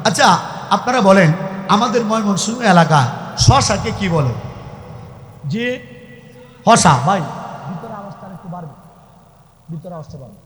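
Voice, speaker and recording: A man from the Mymensingh region of Bangladesh preaching to a crowd, shouting and firing questions back at his listeners. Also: high-pitched, lively intonation, moderate pace, long pauses. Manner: shouting, call-and-response questions to the audience. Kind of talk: Islamic sermon to a crowd. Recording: echoey hall reverb from PA.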